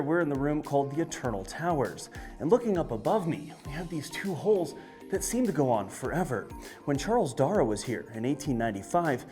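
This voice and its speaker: Man, cave tour guide, explanatory narration, lively varied intonation, medium pitch, on location, music behind. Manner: explanatory, presenting sights on the move.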